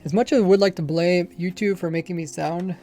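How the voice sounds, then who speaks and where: A man streams a Minecraft session, chatting and rambling casually as he plays, his pronunciation slightly mumbled and lazy with a faint accent. His voice is high with a dark tone and fairly even intonation, his pace brisk, and faint music plays behind him.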